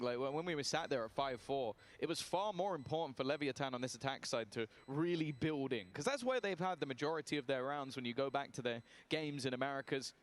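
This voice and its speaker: A man works as an esports caster, calling and analysing live play in a mid-pitched voice. Clear noise and clicking sit behind him. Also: fairly bright tone. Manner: esports caster delivery following the action.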